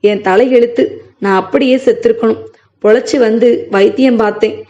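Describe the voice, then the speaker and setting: A woman reads the part of a sick, grieving village wife in middle age, her tone lamenting and reproachful. Her voice sits a little high and warm, natural-sounding, at normal speed with fairly even intonation, captured on a muffled lo-fi recording.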